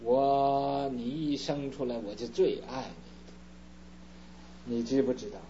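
A man voicing a sickly old father who speaks in a slow, hushed, pleading voice. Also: medium pitch, natural voice. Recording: dull lo-fi recording with faint hum.

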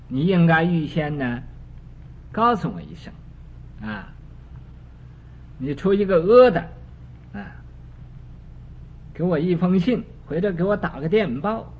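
Argumentative old lawyer, protesting every point, a man doing the voice, fairly high voice, dull lo-fi recording. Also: animated, unhurried, long pauses, breathy edge, heavily acted. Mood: indignant.

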